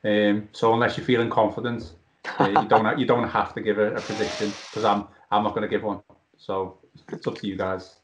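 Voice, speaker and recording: A man's voice: on the low side, flat delivery, brisk, slight background noise. A man hosting a casual fan podcast, talking over an internet call. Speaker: podcast host. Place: video call over Skype. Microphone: video call microphone. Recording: dull, lo-fi internet call audio.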